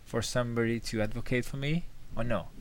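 A man's voice: medium pitch, fairly even intonation, a little fast. Man from Brazil asking questions aloud. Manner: questioning, searching for words. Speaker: theology student guest. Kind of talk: casual discussion.

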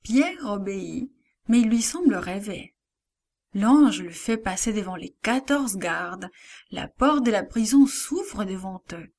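A woman narrating a children's Bible lesson, speaking slowly and expressively and dropping to a hush at times. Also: medium pitch. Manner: slow and expressive, with hushed asides.

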